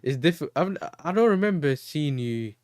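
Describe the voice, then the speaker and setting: A man's voice: on the high side, animated, normal speed, darkish tone, dry recording, studio quality. A young man hosting a casual football chat, full of slang and frequent laughter. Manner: laughs often, slangy banter. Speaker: host.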